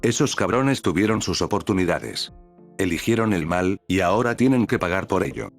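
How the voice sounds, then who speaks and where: A man's voice: deep voice, normal speed, faint music behind. A man voicing a bitter, cynical male shadow being who speaks with scorn and swears. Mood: scornful.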